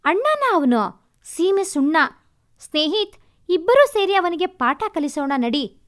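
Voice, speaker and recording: A woman's voice: very high-pitched, big pitch swings, measured pace, full character voice. A woman voicing an earnest young man in love who blusters when he is angry. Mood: blustering.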